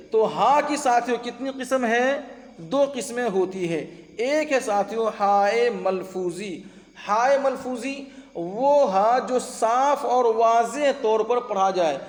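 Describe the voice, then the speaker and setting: Teacher guy, high voice, asks then answers himself, echoey reverb. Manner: drills with questions and answers; addresses students as companions. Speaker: Urdu teacher. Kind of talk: online grammar lesson. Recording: echoey room with long reverb.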